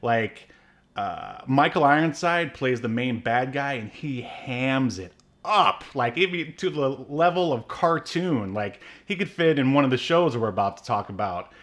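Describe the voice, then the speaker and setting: Animated and unhurried, a man in his thirties co-hosts a podcast in casual conversation, rambling with many fillers and laughing a lot. His voice is medium-pitched with a fairly bright tone.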